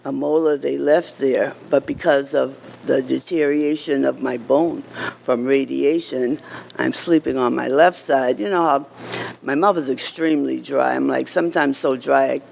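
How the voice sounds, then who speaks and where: A man giving informal, earnest testimony to a committee, halting and conversational, with slightly slurred speech as if one side of his mouth is numb. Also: medium pitch, steady tone, vocal fry, darkish tone, a little hiss or hum. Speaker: cancer survivor giving public testimony.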